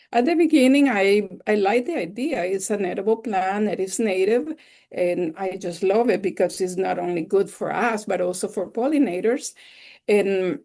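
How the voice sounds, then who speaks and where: Slow, gravelly woman. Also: mid-range voice, dark tone. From El Salvador. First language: Spanish. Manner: enthusiastic, explanatory. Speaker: webinar instructor. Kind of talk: slide-based webinar lecture.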